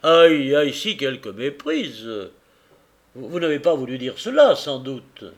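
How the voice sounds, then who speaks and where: A man's voice: on the high side, very animated, measured pace. A man reading as a sour toy merchant. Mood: grudging. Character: sour, scheming older male toy merchant.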